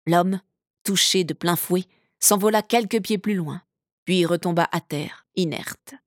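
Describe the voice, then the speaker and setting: A woman narrating a fantasy audiobook in a steady, measured storytelling manner. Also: lowish voice, no room sound, studio quality.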